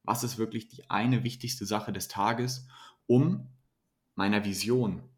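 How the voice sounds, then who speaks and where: A male coach speaks in a fairly low voice. He answers interview questions earnestly, pushing motivation and self-development. He often repeats or restarts words as he builds his point. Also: steady tone, slow. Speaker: mentoring coach.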